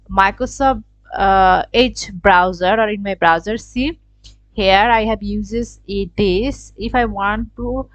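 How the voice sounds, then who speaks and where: Bangladeshi woman, halting tutorial narration. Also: fairly high pitch, no room sound. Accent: Bangladeshi English. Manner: hesitant, thinking aloud with many fillers and repeated "see". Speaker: tutorial channel host. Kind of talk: screen-recorded software tutorial. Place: indoors at a computer.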